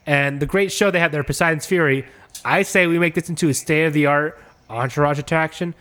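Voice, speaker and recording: A man with a slightly high voice, riffing casually through a joke pitch. He rambles, stacking "like" and "you know" as he goes, keeping a loose, unhurried comic delivery. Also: a bit bright. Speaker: comedy podcast host pitching ideas.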